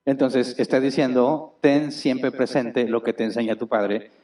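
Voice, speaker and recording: A man's voice: medium pitch, level tone, unhurried, mellow, recorded from a distance. A man, preaching a conversational sermon in a church auditorium and checking in with rhetorical questions. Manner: chatty and explanatory, tags points with rhetorical questions. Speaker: pastor.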